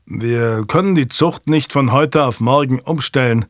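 A man voicing a practical, skeptical male stable master who speaks in a measured way. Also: mid-range voice, dry recording, studio quality, lightly acted.

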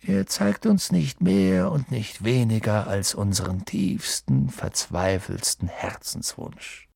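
A man reading as a gentle old wizard headmaster in a storybook. He speaks slowly and softly, sometimes dropping almost to a whisper, with a gravelly, husky edge. The tone stays kindly and wise. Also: fairly low pitch, no room sound, clean studio sound, exaggerated voice. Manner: soft, unhurried, often near a whisper.

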